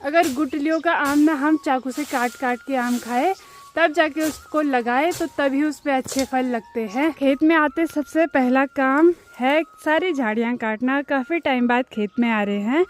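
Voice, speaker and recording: High-voiced woman chatting to viewers. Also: measured pace, a little hiss or hum. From Uttarakhand hills, India. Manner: chatty, addresses viewers as friends and brother. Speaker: village lifestyle vlogger. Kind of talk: casual explanatory vlog chat. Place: outdoors in a hillside farm field.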